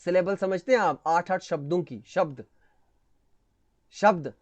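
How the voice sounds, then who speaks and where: A man's voice: high-pitched, unhurried, no room sound, highs cut off. A man teaching an astrology class over a video call, explaining patiently, mixing in English terms and checking that students follow. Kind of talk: online class lecture.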